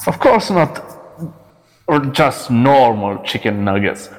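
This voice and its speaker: A man of medium pitch plays a tabletop game, talking casually in character. His delivery is slow with very animated intonation, in a space with long reverb.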